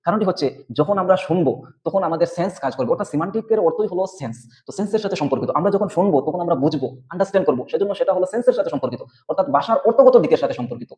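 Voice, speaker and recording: A man's voice: sits high, lively intonation, very fast, darkish tone. A man teaching an exam-prep lecture, explaining step by step and often checking with the listener. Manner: explanatory, repeats "ঠিক আছে?" checks.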